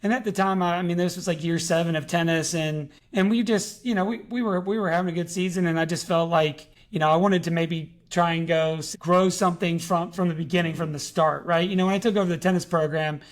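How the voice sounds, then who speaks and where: A man in his late thirties from Georgia, a high school coach telling his story in a podcast interview, earnest with many fillers and restarts. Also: steady tone, quick pace, few pauses.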